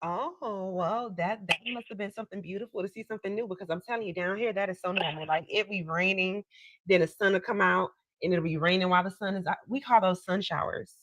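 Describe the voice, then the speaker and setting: A woman's voice: mid-range voice, a little fast, fairly bright tone, dry recording, low-quality recording. An American woman hosting a live call-in tarot show, chatting casually in a folksy, encouraging way and speaking straight to her listeners. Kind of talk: casual live-stream chat with callers.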